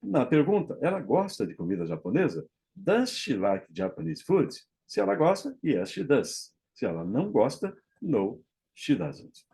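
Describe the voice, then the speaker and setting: A man teaching English grammar, modeling English phrases slowly and checking in with frequent "ok?". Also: mid-range voice, dark tone. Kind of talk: explaining English grammar to Portuguese speakers.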